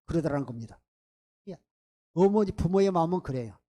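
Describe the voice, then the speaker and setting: A man preaching a sermon in a high-pitched voice. He is emphatic and often turns to the congregation with rhetorical questions. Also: expressive, a little fast, warm tone. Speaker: pastor.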